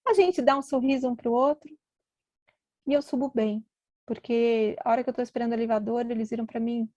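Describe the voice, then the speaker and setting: Doctor lady telling stories at an event, kinda high voice, warm and mellow, dry close sound. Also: fairly even intonation, fairly quick, no echo, highs cut off. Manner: conversational, acts out other people's voices. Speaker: physician giving a talk. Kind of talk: storytelling talk at an event.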